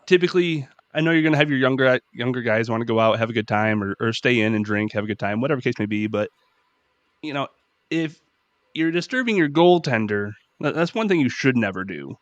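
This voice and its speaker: A man's voice: mid-range voice, lively intonation, fairly quick, no room sound. A man hosting a podcast chats in a laid-back way, telling stories and answering with short agreements. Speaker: podcast host. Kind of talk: casual chat. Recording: dull, dry lo-fi mic.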